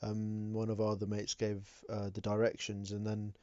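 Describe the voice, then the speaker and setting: A young man with a smooth, clear voice co-hosts a podcast, picking his way through his thoughts with ums and pauses. The recording is dry and slightly dull and lo-fi. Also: fairly low pitch, monotone, dark tone, no room sound. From United Kingdom. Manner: hesitant, full of ums and pauses. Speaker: podcast co-host. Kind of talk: casual chat. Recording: dull, lo-fi mic.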